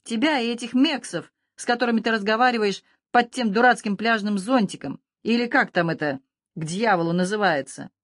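A woman voicing a big, drunk, belligerent man whose voice is hoarse from cigarettes and drink, shouting in an audiobook. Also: a little high, brisk, dry recording, clean studio sound, lightly acted. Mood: drunk angry. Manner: belligerent, slurred bellowing. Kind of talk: audiobook character voice.

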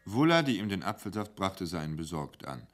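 Man, narrator, radio story reading, very low voice, measured. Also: big pitch swings, faint music behind.

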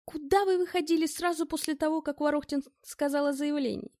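A cold male interrogator who presses his accusations slowly and insinuatingly, as a woman reads him in an audiobook. The voice sits a little high and dry, close to the mic. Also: mellow, no room sound, lightly acted. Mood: accusing.

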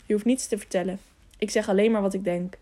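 A woman's voice: mid-range voice, fairly even intonation, fast talker, dark tone, lightly acted. A woman reading the part of a serious older male knight who speaks earnestly and measuredly in an audiobook. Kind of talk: audiobook character voice.

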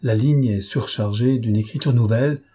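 A man voicing a suave gentleman thief in an audiobook, speaking gently and persuasively. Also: medium pitch, normal speed, husky, lightly acted. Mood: probing.

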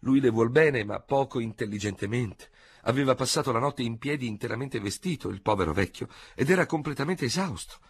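A man's voice: mid-range voice, expressive, fairly quick, slightly rough, no room sound, voice pushed up. A man voicing a fussy, talkative older noblewoman in an audiobook, chattering breathlessly. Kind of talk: audiobook character voice.

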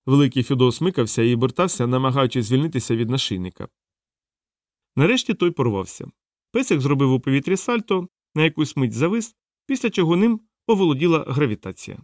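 A man's voice: medium pitch, no room sound. Man narrating an audiobook, dry sound.

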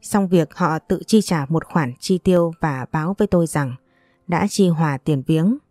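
Woman narrating in a low, dark voice. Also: moderate pace, no room sound, soft background music. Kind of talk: first-person audio story narration.

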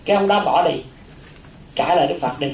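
A man's voice: on the high side, fairly quick, a little mellow, lo-fi sound, a little hiss or hum. A man, a Buddhist monk giving a dharma talk, repeating key phrases and checking in with his listeners through rhetorical questions. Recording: roomy echo with faint ambience.

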